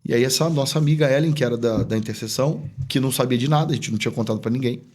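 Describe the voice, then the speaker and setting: In rapid-fire speech with a mid-range pitch and a darkish tone, a man tells a personal story as a podcast guest. A pastor and business owner, he is talkative and sincere and performs the dialogue from memory.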